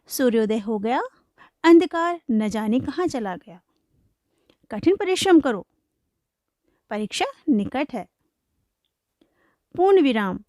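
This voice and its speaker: High-voiced woman teaching grammar. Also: darkish tone, no room sound, studio quality. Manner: slow, explanatory, reads example sentences aloud. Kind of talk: classroom-style lesson for children.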